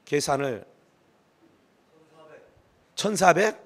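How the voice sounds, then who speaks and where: A middle-aged male pastor preaching a sermon, emphatic, swinging from hushed asides to shouted pleading. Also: on the high side, sing-song, extremely slow.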